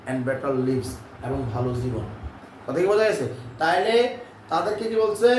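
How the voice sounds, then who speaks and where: High-voiced teacher in echoey classroom. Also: male voice, a little mellow, a little hiss or hum. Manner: keeps checking that students understand; drills lines by repeating them. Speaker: English teacher. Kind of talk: classroom lesson. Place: classroom with students. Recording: roomy room, mic far off.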